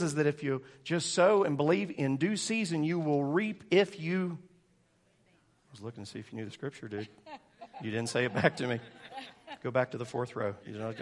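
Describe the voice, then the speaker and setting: A man preaches a lively sermon, breaking into laughter as he tells funny stories. His voice sits a little high for a man, and he keeps a loose, joking tone with the congregation. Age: 40s. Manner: joking, storytelling, laughing often. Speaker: pastor.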